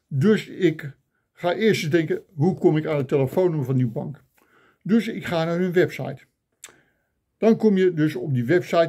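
An older man films himself on his phone camera, vlogging a comic rant of mock indignation packed with grumbling complaints. His voice sits fairly high with a dark tone.

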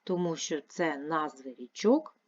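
A woman with a lowish voice teaches a primary school lesson, carefully spelling out each letter and sound. The recording is dull and lo-fi. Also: animated, a little mellow. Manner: clear, measured dictation, spelling out letters and sounds. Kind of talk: online language lesson.

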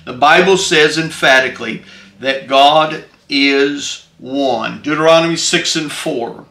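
A man preaching a Bible study sermon, halting over frequent filler sounds and repeated phrases, then making emphatic declarations. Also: a little high, sharp tone. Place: church. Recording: echoey room.

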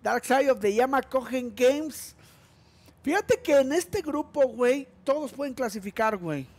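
A man's voice: very high-pitched, animated, measured pace, darkish tone. A man with a Mexican accent doing casual, slangy esports commentary with joking banter. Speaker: esports caster.

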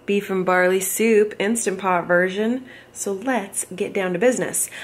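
A woman's voice: mid-range voice, fairly bright tone, a little hiss or hum. A woman in her thirties talking casually and playfully to the camera while cooking dinner in her home kitchen. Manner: chatty, upbeat and playful, slangy asides. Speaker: lifestyle vlogger. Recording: roomy kitchen with faint music.

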